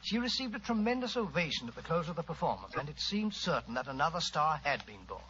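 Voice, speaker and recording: An actor with a British accent playing a fussy, loyal gentleman doctor in a 1940s radio drama. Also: a little high, big pitch swings, quick pace. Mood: storytelling. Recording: muffled, hissy old-time radio recording.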